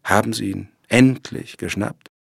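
A man's voice: fairly low pitch, steady tone, a little slow, gravelly, slightly rough, no echo, clean studio sound, pitched above the performer's own voice, heavily acted. A man voicing a nervous, evasive middle-aged lawyer who hesitates and stammers.

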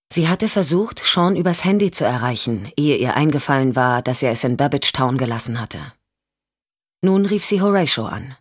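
Audiobook narrator, steady thriller reading, dry close mic. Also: mid-range voice, no room sound. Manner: even, measured storytelling. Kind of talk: scripted narration.

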